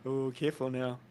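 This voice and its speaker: A man's voice: medium pitch, a little hiss or hum. A man co-hosting a live show in casual chat, joking and laughing easily while thinking aloud. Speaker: podcast co-host.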